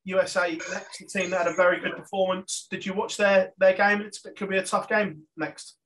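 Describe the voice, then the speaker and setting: A male sports interviewer puts questions conversationally. His voice is high for a man and very quick, and it comes from some way off the microphone. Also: level tone, fairly bright tone. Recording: distant from the microphone.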